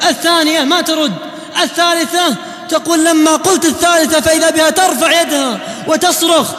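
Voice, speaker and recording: A man preaching an emotional sermon, telling a story in fast hushed runs and then chanting verses slowly. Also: very high-pitched, steady tone. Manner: impassioned, swings from fast hushed narration to slow chanted verses. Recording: echoey hall with long reverb and faint music.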